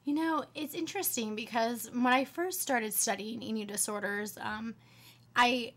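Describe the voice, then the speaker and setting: A woman's voice: a little high, a little slow, fairly bright tone. A young woman in her twenties, a medical student answering interview questions earnestly with many fillers. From United States.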